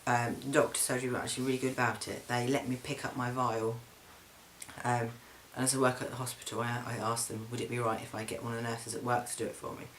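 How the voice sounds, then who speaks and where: This English vlogger is a young man speaking quickly in a mid-range, fairly bright voice with little pitch movement. He rambles through a casual video diary update from his flat, full of ums and restarts, over slight background noise.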